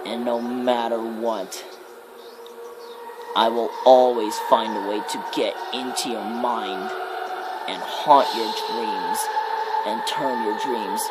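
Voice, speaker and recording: A man delivers a slow, ominous ASMR horror monologue as a menacing demon of fear, death and darkness, pausing deliberately. His voice is mid-range, the mood sinister, and the background noisy.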